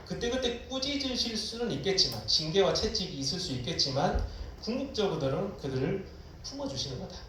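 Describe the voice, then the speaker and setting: A man preaching to a room of students, his fairly high voice ringing through a large echoing hall. He sounds set back from the mic, with a faint hiss underneath. He moves between relaxed chatter and loud, dramatic cries of prayer. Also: fairly quick, recorded from a distance. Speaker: pastor. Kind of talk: sermon.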